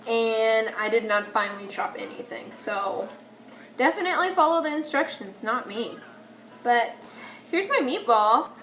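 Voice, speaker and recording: High-voiced young woman cooking and chatting. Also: a bit bright, a little hiss or hum. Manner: chatty, self-mocking, talks straight to viewers. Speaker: cooking vlogger. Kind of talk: casual cooking vlog. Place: home kitchen.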